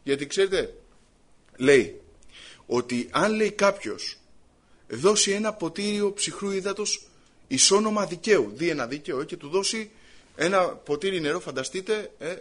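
A rather high-voiced male preacher. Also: animated. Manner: reads scripture aloud, then explains it and addresses the congregation as brothers. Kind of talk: sermon.

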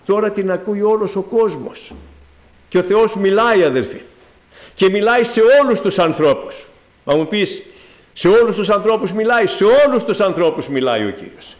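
A man delivers a sermon in a fairly high voice. He preaches emphatically, climbing to loud exclamations and then sinking low to address his listeners. He mixes in dry, ironic, mocking asides. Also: animated.

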